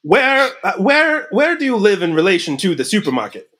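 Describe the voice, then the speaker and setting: A man's voice: high-pitched, very animated, a bit bright, full character voice. A man playing a bumbling detective in an improvised comedy interrogation, stumbling and restarting his questions. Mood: deadpan. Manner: halting, stumbling over questions. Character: bumbling male detective with a self-declared accent.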